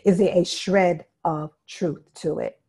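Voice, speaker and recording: Woman, workshop instructor, low voice, mellow tone, emphatic, keeps checking in with listeners. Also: fairly even intonation, takes it slowly, creaky, slightly rough. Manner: emphatic, checks in with "okay?" and "right?"; repeats key phrases for emphasis. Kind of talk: interactive teaching talk.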